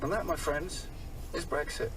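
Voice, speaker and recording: A man hosts a political radio phone-in. His voice is a little high and his manner sardonic and insistent. The recording is very noisy and sounds distant. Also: moderate pace. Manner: sardonic, insistent, repeats pointed questions. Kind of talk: live political phone-in debate and commentary.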